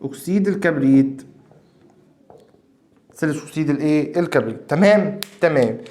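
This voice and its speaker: A man's voice: a little high, expressive, fairly quick, mellow. A man with an Egyptian accent teaching a chemistry lesson. He keeps repeating his questions so that students can finish them. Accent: Egyptian Arabic. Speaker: science teacher. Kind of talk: classroom lesson video.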